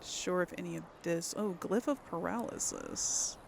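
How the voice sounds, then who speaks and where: A woman hosts a role-play let's play, musing aloud in casual, hesitant commentary that often trails off. Her voice is lowish and gravelly, at a measured pace, with a little hiss or hum in the recording.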